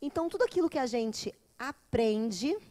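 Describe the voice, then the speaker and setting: A woman, a therapist lecturing a class in a lively way, often acting out children and mothers. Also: a little high, moderate pace. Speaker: teacher of a psychology course.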